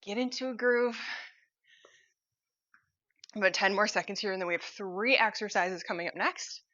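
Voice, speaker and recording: A woman's voice: medium pitch, moderate pace, pushed and bright, muffled recording. A woman fitness instructor cueing a cardio workout while she exercises, upbeat and encouraging.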